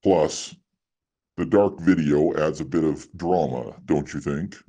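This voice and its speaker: A man voicing an anonymous male critic through a disguised, pitched-down deep voice, talking in a measured, needling way. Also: mellow, full character voice. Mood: smug. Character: anonymous male critic hiding his identity, smug. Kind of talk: comedy bit on a podcast.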